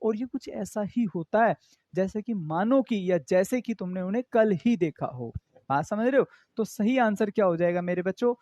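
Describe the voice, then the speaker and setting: A man's voice: sits high, a little mellow, no echo, highs cut off. A man teaching an exam-prep English grammar class, explaining in with English terms and asking his students questions again and again.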